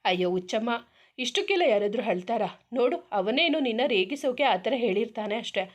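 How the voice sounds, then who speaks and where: A caring young wife talks briskly and soothingly, with a light teasing edge, as a woman storyteller puts her on. Her voice is a little high. It is a read-aloud audio story. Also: animated. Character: caring older sister-in-law, warm and teasing.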